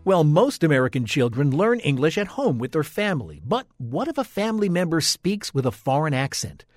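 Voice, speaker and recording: A man hosting a public radio program, reading announcements in a steady announcer delivery. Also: a little high, a little fast, no echo, soft background music. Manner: smooth, steady announcer read. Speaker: radio show producer and host.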